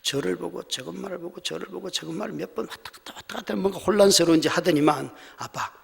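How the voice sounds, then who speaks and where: A middle-aged man preaching in a church sanctuary, his voice high and bright with a gravelly, husky edge. He tells a personal story with deep emotion, swinging from near-whispers to loud cries. The sound carries a long hall reverb. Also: fast. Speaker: pastor. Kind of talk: sermon.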